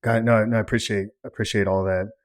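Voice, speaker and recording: A man's voice: on the low side, level tone, fast. Man hosting, stumbling through questions. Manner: stammering repetitions, casual questions. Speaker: podcast host, coach. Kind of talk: interview questions.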